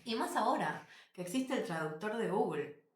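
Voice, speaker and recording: A woman, telling travel stories to camera as a vlogger, animated and emphatic, repeating phrases and addressing viewers directly. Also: medium pitch, moderate pace. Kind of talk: casual storytelling to camera. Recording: roomy echo.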